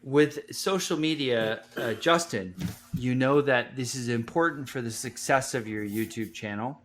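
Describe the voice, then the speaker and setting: A man's voice: mid-range voice, measured pace, a bit bright. A man co-hosting a podcast, rambling through a long question and swearing casually. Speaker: podcast co-host.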